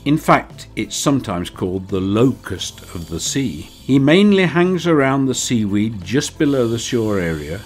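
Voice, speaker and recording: Guy doing nature documentary voiceover, lowish voice that moves around a lot, measured and a bit wry, music behind. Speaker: documentary narrator. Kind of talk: scripted nature documentary narration. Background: background music.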